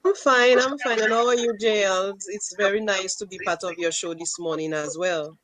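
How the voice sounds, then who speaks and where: A woman's voice: mid-range voice, fairly bright tone, poor audio. Formal woman preschool principal. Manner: formal, measured self-introduction. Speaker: preschool founder and principal, guest; parent. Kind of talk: radio interview.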